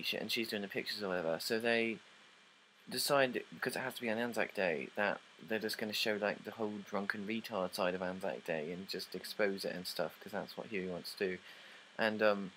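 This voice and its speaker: A man's voice: fairly low pitch, fairly bright tone, slight background noise, poor audio. A young man rambling through a casual, sarcastic review, swearing now and then. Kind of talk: casual play review vlog.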